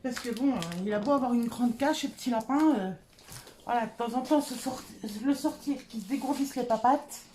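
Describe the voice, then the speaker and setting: An adult woman, a haul vlogger, chats casually at home about her shopping haul, hesitating a lot. Her voice is fairly high and dark-toned, her pace moderate, with slight background noise.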